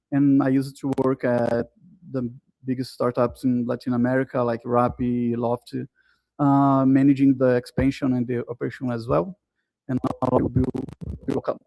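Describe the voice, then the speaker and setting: A man's voice: medium pitch, little pitch movement, normal speed, creaky, a little mellow, no room sound, poor audio. A man from Brazil introducing himself as business and operations lead, upbeat. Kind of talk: self-introduction.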